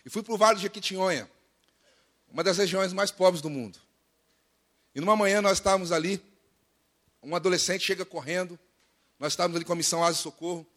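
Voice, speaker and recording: A Brazilian man in his thirties preaching a lively sermon, mimicking complainers along the way. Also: high-pitched, quick pace, long pauses. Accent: Brazilian Portuguese. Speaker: pastor.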